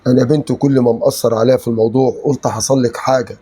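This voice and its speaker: A man's voice: mid-range voice, fairly even intonation, racing, dark tone, slightly rough, natural voice. An actor with an Egyptian accent playing a proud, wronged father who scolds reproachfully in a web drama. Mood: hurt.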